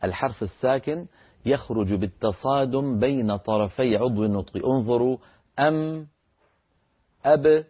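Husky man teaching recitation. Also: medium pitch, dull audio. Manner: breaks words into single sounds to demonstrate them; chants verses slowly as examples. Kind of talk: televised recitation lesson.

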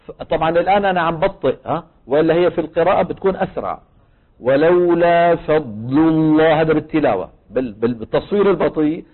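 A man with a Levantine Arabic accent teaches tajweed, explaining patiently and asking the class questions that he answers himself. His voice sits a little high for a man. The recording is thin and narrow, as if heard over a phone. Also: expressive, racing, breathy edge. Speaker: Quran recitation teacher. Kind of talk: tajweed lesson.

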